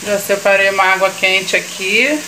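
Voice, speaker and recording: A Brazilian woman hosting a casual cooking vlog in her home kitchen, chatting warmly with her viewers as she cooks. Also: mid-range voice, fairly even intonation, moderate pace. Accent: Brazilian Portuguese. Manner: affectionate, chatty, addresses viewers as "minha gente". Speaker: vlogger. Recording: noisy home kitchen audio. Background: frying and sizzling in the kitchen.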